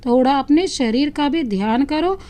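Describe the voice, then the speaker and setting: A woman's voice: high-pitched, moderate pace, warm tone, close to an everyday voice. A woman voicing a loving, playful young husband who teases his wife affectionately, in a storybook reading. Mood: teasing. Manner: teasing, affectionate.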